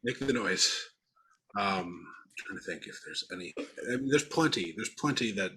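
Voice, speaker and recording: A man's voice: on the low side, animated, normal speed, pushed and bright, husky, rough recording. A man chatting casually on a podcast, jumping in to quote his favorite lines from a film. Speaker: podcast guest.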